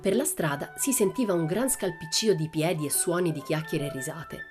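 A woman reads a children's novel aloud as an expressive storyteller. Her fairly low voice rises and falls with a lot of movement. Faint music plays underneath. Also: moderate pace. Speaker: narrator. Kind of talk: audiobook reading of a children's novel.

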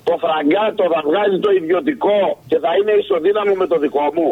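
A man's voice: high-pitched, slightly rough. A man in satirical radio banter, ranting indignantly. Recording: tinny phone-like line.

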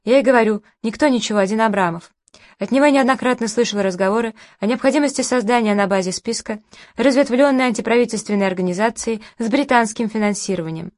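A caustic, challenging man who hosts the party, full of sour irony, as a woman narrator reads him. The voice sits fairly high and comes across close and dry, with no room sound. It has the feel of a literary audiobook. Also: fast talker, no room sound, close to an everyday voice. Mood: bitter, caustic. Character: bitter sardonic middle-aged man, the host of a party.

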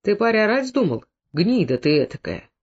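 A man doing a slow-drawling surly Cossack. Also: high voice, big pitch swings, husky, dull audio, exaggerated voice. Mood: menacing calm. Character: surly young Cossack soldier, blunt and menacing.

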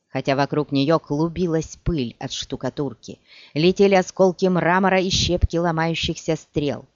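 A man reading a fantasy audiobook aloud in an animated storytelling manner. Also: sits high, no echo. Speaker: audiobook narrator. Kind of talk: scripted fantasy narration. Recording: dull dry lo-fi recording.

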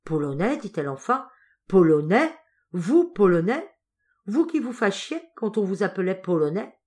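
A woman's voice: medium pitch, moderate pace, pitched above the performer's own voice, close to an everyday voice. A woman reading a wide-eyed young noble girl. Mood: astonished. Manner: excited, questioning.

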